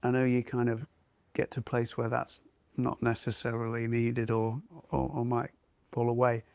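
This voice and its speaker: A man's voice: medium pitch, little pitch movement, moderate pace, gravelly, a little mellow, no echo. Thoughtful mindfulness teacher, man. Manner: thoughtful, searching for words. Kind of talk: conversational discussion.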